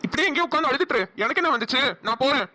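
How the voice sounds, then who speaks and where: A woman's voice: high-pitched, rapid-fire, pushed and bright. A woman voicing a young husband in a cartoon who teases and scolds his wife brusquely. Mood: teasing. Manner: teasing, brusque. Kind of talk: cartoon voice acting.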